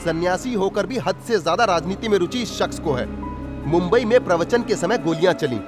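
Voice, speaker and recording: Dubbed film villain: menacing village strongman, lively high voice, loud music under. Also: fairly quick. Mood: threatening. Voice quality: taunting, menacing, mocking laughs. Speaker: dubbing actor. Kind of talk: Hindi film dubbing.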